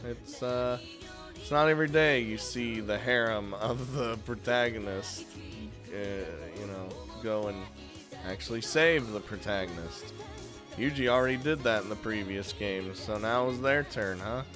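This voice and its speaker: Hosting a video game review series, a man counts down games in a casual, informal way, chuckling often between phrases. His voice is medium-pitched and measured in pace, with music in the background.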